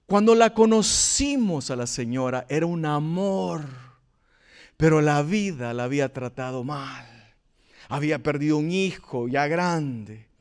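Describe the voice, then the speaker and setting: A man's voice: high-pitched, clean tone. A man in his thirties preaching a sermon, telling personal stories and acting out the people in them. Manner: storytelling preacher, animated, acts out quoted people. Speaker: pastor.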